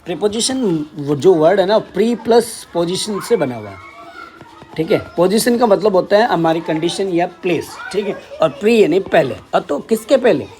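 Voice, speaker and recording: A man's voice: sits high, lively intonation, moderate pace, a little mellow, a little hiss or hum. A man teaching an English grammar lesson in Hindi, explaining step by step and often checking with "ठीक है".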